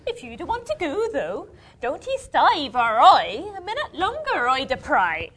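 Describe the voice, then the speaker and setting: A woman's voice: high voice, huge pitch swings, fairly bright tone, heavily acted. A woman playing a teasing young girl, reciting a dialect verse dialogue with a playful, scolding manner. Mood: protesting. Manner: playful, scolding, quick to laugh. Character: young country girl sweetheart, pert and teasing.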